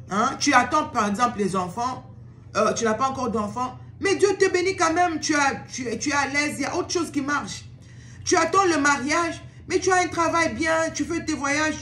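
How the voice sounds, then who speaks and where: A woman's voice: high voice, fairly bright tone, reverberant, a little hiss or hum. A woman host giving an informal sermon to camera, exhorting her listeners, repeating words for emphasis and slipping into English phrases.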